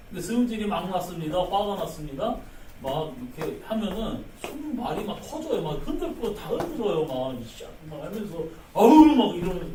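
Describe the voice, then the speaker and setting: Male pastor, lively sermon with playful questions to the pews; high, bouncy pitch; roomy sanctuary, distant mic. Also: a little hiss or hum. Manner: animated, playful, asks congregation questions. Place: church sanctuary.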